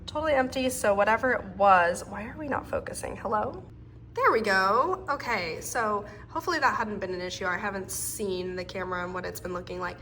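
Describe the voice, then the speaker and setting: A young woman vlogs about lifestyle from home, sampling household scents while thinking aloud in a chatty way. A cold has left her voice congested; it's mid-range, a bit bright, and a little fast, with slight background noise.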